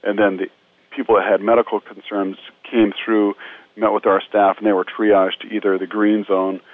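A man's voice: lowish voice, little pitch movement, normal speed, no echo. Man on a tinny phone line. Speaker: disaster relief medical team member. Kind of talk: storytelling in a radio interview. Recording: narrow phone-line sound.

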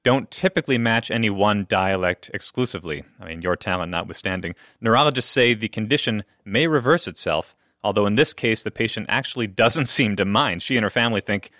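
A man's voice: lowish voice, fairly quick, few pauses, pushed and bright, dry recording, clean studio sound. Punning male medical radio co-host. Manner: jokey, fond of puns. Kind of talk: scripted medical news banter.

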